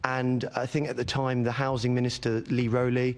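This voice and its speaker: A man's voice: medium pitch, little pitch movement, normal speed. Guy giving evidence at a committee, earnest and pushy, keeps repeating words to make a point. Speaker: leaseholder campaigner giving evidence. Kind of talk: formal committee testimony.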